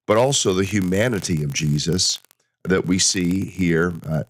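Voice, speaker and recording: A man with a congested, stuffy-nosed voice giving informal Bible teaching in a halting, hesitant manner. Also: low-pitched, no room sound.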